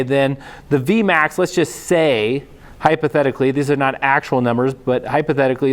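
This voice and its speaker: Male professor, casual lecture delivery, frequent "okay?" check-ins, playful asides. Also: medium pitch. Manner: digresses into joking asides. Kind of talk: university biochemistry lecture.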